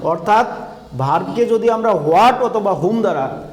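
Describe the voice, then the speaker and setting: A man's voice: high voice, animated, normal speed. A man with a Bangladeshi Bengali accent teaching a grammar lesson in a school classroom, asking the class questions and repeating their answers. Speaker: English teacher.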